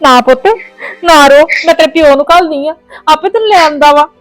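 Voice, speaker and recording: A woman's voice: high voice, brisk, no echo, faint music behind, natural voice. Woman as a protective Punjabi mother. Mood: soothing, indignant. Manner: soothing, scolds the in-laws. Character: worried middle-aged mother, fiercely protective. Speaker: mother on the phone. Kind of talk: family drama acting.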